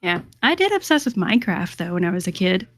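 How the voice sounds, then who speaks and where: A woman's voice: fairly low pitch, sing-song, fast talker, no echo, studio quality. A young adult woman, a guest on a livestream, chatting casually and giggling at herself. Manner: giggly, chatty, self-deprecating.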